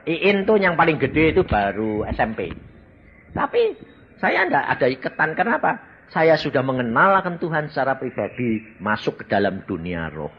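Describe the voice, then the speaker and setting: A man preaching a testimony sermon, telling his story dramatically with sudden loud exclamations. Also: mid-range voice, big pitch swings, moderate pace, slight background noise. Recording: slightly dull recording with faint ambience.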